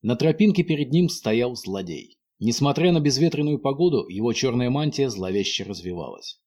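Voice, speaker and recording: A man narrates a fairy tale aloud. His reading is playful and gently ironic. His voice sits at an ordinary middle pitch. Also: animated, normal speed. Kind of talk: storybook reading.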